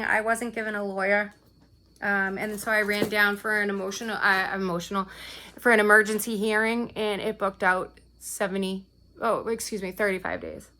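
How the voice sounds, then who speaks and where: A woman's voice: medium pitch, pushed and bright. A woman, a parent, delivering a heated, profane personal rant to the camera, often tagging her points with "right?". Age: adult parent. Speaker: vlogger recounting a custody fight.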